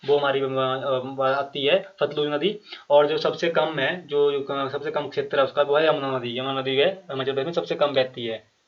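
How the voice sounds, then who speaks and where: In a muffled, lo-fi recording, a mid-range-voiced man from Himachal Pradesh runs an exam-prep quiz, reading out and repeating each question with its options before explaining the answer. His intonation is fairly even and his pace moderate, and he addresses viewers directly amid many fillers and restarts.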